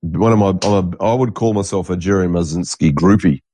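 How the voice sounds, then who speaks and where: This podcast host speaks in a brisk, low-pitched, mellow voice with no room sound around him. Congested and stuffy-nosed, he rambles through his solo monologue, swearing, trailing off, and starting sentences over.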